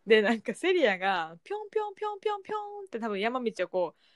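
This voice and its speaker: Young Kansai woman, podcast co-host, quick and animated delivery, dry close sound. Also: a little high, no echo. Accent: Kansai Japanese. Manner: lively storytelling, acts out quoted voices. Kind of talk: casual chat.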